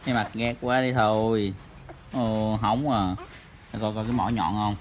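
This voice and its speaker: A man's voice: on the low side, steady tone, normal speed, a little hiss or hum. A father, chatting playfully to his baby at home and teasing with many short questions.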